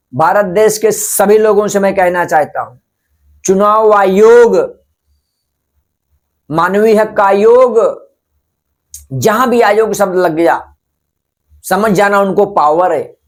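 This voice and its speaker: A man giving spoken opinion commentary as a channel host, scolding and rhetorical, repeating phrases for emphasis. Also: sits high.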